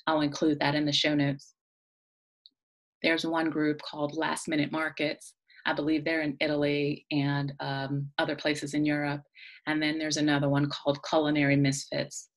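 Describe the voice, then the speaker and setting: A woman's voice: low voice, completely flat delivery, moderate pace. A woman hosting a podcast, chatting casually with fillers and introducing her guest. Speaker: podcast host.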